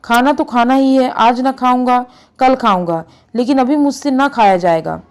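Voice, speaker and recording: Sulky proud young husband in a storybook reading , read by a woman, curt and irritable, voice pitched fairly high. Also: moderate pace, clear, resonant tone. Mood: sullen.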